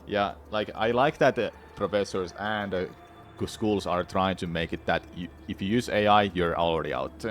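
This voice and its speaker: This Finnish gaming streamer speaks with a Finnish accent in a deep voice at a moderate pace, faint music playing behind him. Chatting casually with viewers during a playthrough, he rambles, talks frankly, swears freely and restarts often.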